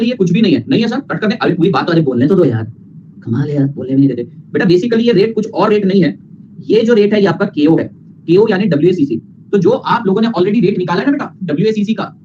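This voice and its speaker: A male teacher giving a lively lecture, mixing Hindi and English and acting out students' replies. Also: high-pitched. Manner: fast, playful, mixes Hindi and English, acts out students. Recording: lo-fi with background hiss.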